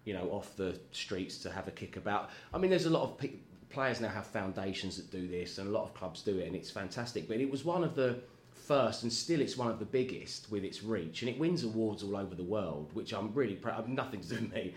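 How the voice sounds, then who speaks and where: A man's voice: on the low side, animated, brisk. A man in casual chat as a guest, rambling and self-deprecating, often laughing at himself. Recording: echoey room with faint ambience.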